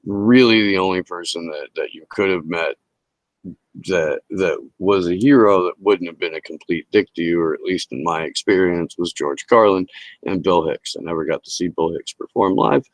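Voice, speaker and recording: Speaking at a normal speed into close headset-style audio, a low-voiced man hosts a livestream talk show and rants casually about politics to his live chat. He is emphatic and swears a lot. The recording is dry and low in quality.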